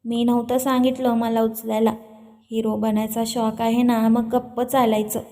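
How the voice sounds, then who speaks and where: A woman's voice: a little high, little pitch movement, normal speed, warm tone, lightly acted. A woman voicing a stubborn, dramatic young woman who sulks and demands in a storybook reading. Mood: sulky. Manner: petulant, demanding.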